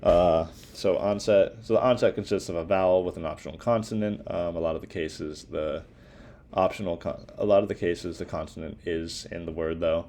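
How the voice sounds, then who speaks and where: A man's voice: sits low, steady tone, moderate pace, vocal fry, warm tone, slight background noise. A young man giving a casual class presentation, talking informally with many fillers and restarts. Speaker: student presenter.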